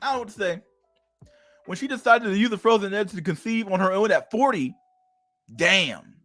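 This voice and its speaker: Man, 30s, high voice, dry sound with faint music behind; crude, mocking stream commentator. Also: moderate pace, a bit bright, dry recording. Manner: mocking, crude, laughs often, reads an article aloud then rants. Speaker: streamer reacting to an article. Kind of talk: casual livestream commentary.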